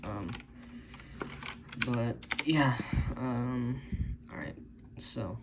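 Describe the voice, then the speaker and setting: Hesitant hobbyist man, gravelly voice, slow delivery, captured on noisy camera-mic audio. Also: mid-range voice. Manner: hesitant, unsure, many self-corrections. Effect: camera-recorded audio. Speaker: hobbyist building circuits. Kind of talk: thinking-aloud tinkering narration. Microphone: camera's built-in mic.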